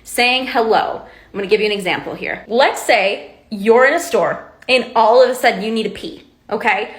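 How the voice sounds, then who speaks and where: A woman's voice: fairly high pitch, moderate pace. Chatty young woman in an echoey room. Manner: chatty, candid, lightly sarcastic. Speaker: vlogger. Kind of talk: casual explainer to camera.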